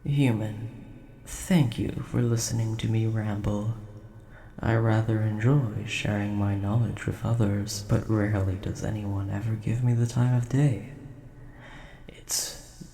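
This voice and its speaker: Voicing a gentle, scholarly ancient dragon who is a bit of a nerd and collects coins, a man speaks low and gravelly in a scripted roleplay aimed at the listener. His dark, relaxed, storyteller's rambling is unhurried, formal, grateful and gentle. The audio echoes roomily over faint background noise.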